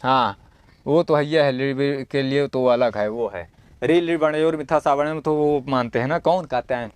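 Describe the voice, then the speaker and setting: A man's voice: mid-range voice, moderate pace, clean tone, no room sound. Man, Sanskrit teacher, exam-prep lesson, reads text then explains it, asks and answers his own questions, encouraging. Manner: asks the class questions and answers them himself; homely and encouraging, with everyday comparisons.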